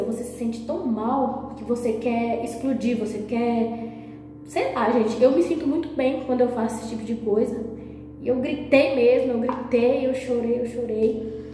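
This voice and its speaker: A vlogger in her thirties talks softly and low into a phone camera held at arm's length inside a small tiled bathroom. A sore throat leaves her hoarse and nasal. The sound is muffled and echoey, with a little hiss or hum.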